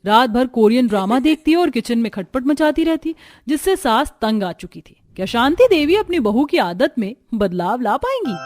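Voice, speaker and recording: A woman narrating a cartoon story in a steady storytelling manner. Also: on the high side.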